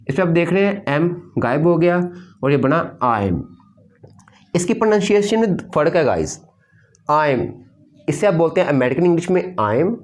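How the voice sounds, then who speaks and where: A man's voice: fairly high pitch, darkish tone. A man teaching an English grammar lesson, explaining patiently and repeating key points.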